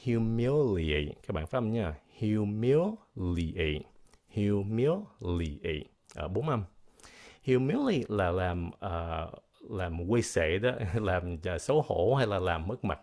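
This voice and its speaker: A man teaching English vocabulary, switching between English and Vietnamese. His voice sits fairly low, and he talks at an unhurried pace, repeating each word carefully so it is easy to copy. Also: animated, a little mellow. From United States. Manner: slow, deliberate, spells out pronunciation and switches between English and Vietnamese. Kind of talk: bilingual vocabulary lesson.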